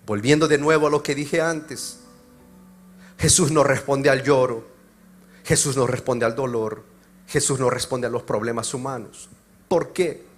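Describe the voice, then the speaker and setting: A male pastor preaching a sermon, moving between loud emphatic passages and quiet, slow explanation. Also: mid-range voice. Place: church service.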